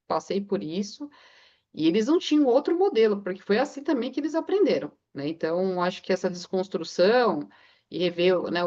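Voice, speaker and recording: A woman chats in a book club, wandering from point to point and tagging her sentences with little fillers. Her voice sits at a middling pitch for a woman. The sound is dull and lo-fi, like audio from a video call. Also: darkish tone. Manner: rambling, anecdotal, frequent filler tags. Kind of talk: casual chat.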